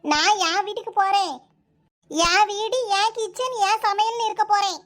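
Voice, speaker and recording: A woman voicing a sharp-tongued, proud old mother-in-law in a comic cartoon, nagging and sarcastic, with a Kanyakumari Tamil accent. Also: very high-pitched, steady tone, normal speed. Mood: scolding.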